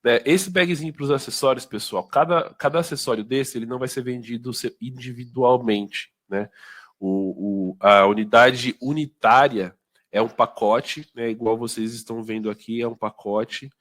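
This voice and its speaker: A man's voice: medium pitch, normal speed, fairly bright tone. A man with a Brazilian Portuguese accent giving an informal sales training talk, conversational and full of tag questions and fillers. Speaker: product presenter.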